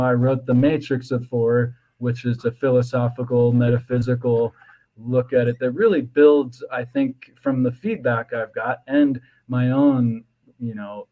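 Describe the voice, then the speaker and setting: A man with a lisp and slushy s sounds explains philosophical ideas conversationally as a guest, in a halting, digressive way. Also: medium pitch, mellow, lo-fi sound. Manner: halting, digressive, with repeated "you know". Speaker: podcast guest, author.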